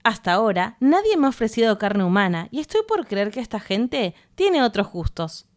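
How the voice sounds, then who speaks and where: A woman voicing a cheerful young male ship's officer in an audiobook, with a bright, playful manner. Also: a little high, very animated, moderate pace. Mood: teasing.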